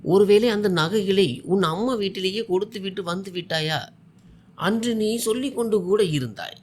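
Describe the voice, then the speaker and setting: A man voicing a quick-tempered young husband who fires off sharp, accusing questions in a storybook tale. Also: high voice, lively intonation, voice pushed up. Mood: anxious.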